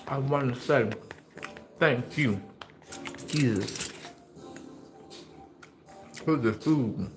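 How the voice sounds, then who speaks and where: Man, vlogger, mid pitch, rambling chat, chewing, faint background music. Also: very slow, pauses often. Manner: rambling, chats while chewing. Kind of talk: casual mukbang chat.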